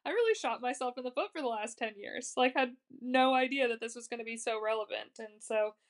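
A woman's voice: on the high side, fairly quick. Chatty young woman podcast host. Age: 20s. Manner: chatty, many "like" fillers, laughs easily. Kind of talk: casual podcast chat.

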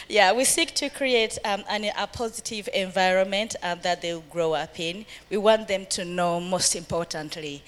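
Speaking to a church gathering about raising a family, a middle-aged Ugandan woman talks earnestly, laughing often and quoting scripture. Her voice is low yet fairly bright in tone.

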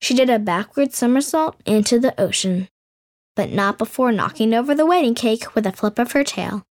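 A woman's voice: a little high, animated, moderate pace, a little mellow. A woman telling a fairy tale as the show's storyteller in scripted narration, with playful, sarcastic asides.

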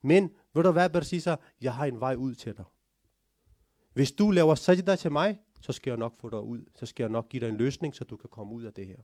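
A man voicing a scheming male devil who tempts a pious man, speaking low and hushed in a coaxing way. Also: animated, no echo, studio quality, natural voice.

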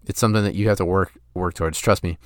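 A man's voice: low voice, steady tone, fast, no room sound, studio quality. A man in his thirties hosting a motivational podcast, talking earnestly with many restarts and fillers. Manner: earnest, frequent restarts and "you know" fillers. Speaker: podcast host.

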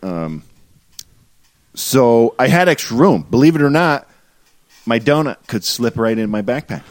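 A man's voice: mid-range voice, animated, unhurried, no room sound. A man co-hosting a podcast, joking around and swearing freely in casual banter. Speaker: podcast co-host.

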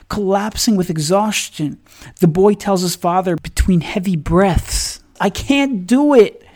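A man's voice: high-pitched, darkish tone. A man hosting a podcast, giving a motivational religious talk with emphatic, repetitive phrasing that builds through stacked lines.

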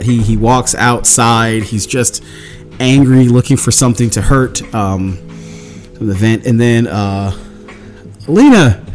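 Man, tabletop game player, casual meandering recap at a mid pitch, faint music behind. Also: darkish tone. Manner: meandering storytelling, acts out quotes.

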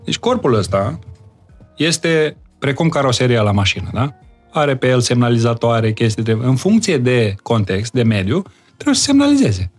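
A man, a guest in a conversational interview, explaining his views calmly and earnestly with everyday examples. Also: mid-range voice, soft background music. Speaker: interview guest, disciple of spiritual masters.

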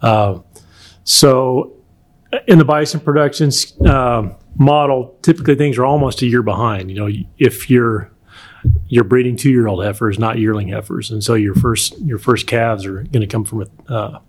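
A man giving explanatory interview answers as a livestock producer, measured and hesitant, often clearing his throat. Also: mid-range voice. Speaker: bison producer being interviewed.

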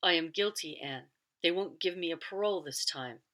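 A woman's voice: fairly low pitch, moderate pace, fairly bright tone, lightly acted. A woman reading aloud and voicing a stern, cold middle-aged master who speaks in curt commands. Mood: grim.

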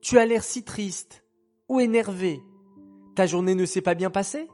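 A gentle, curious little girl asks her brother what is wrong, as a man voices her. Her voice is raised and questioning. Faint music plays underneath. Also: high-pitched, measured pace, pitched above the performer's own voice. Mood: concerned. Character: caring little sister, curious and proud.

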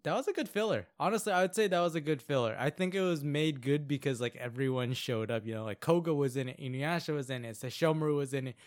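A man's voice: fairly high pitch, fast, few pauses. A man casually recapping anime episodes as a podcast co-host, telling it loosely with lots of "like" and fillers. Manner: casual storytelling with many fillers and playful quoted voices.

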